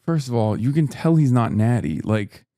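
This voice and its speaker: A man's voice: mid-range voice, expressive, normal speed, dark tone, a little hiss or hum. Rambling, profane man in his thirties. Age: 30s. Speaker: streamer host. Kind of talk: casual reaction commentary.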